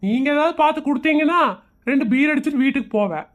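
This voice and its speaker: Comedy skit: man as sarcastic, fed-up husband, high-pitched voice, Kongu Tamil accent, argumentative and mocking. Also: very fast. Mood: exasperated complaining. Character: exasperated, sarcastic husband who mocks everyone around him.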